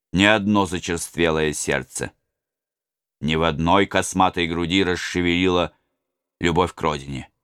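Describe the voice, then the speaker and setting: A man narrating an audiobook in a measured, expressive storytelling manner. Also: low voice, clean tone, dry recording, clean studio sound.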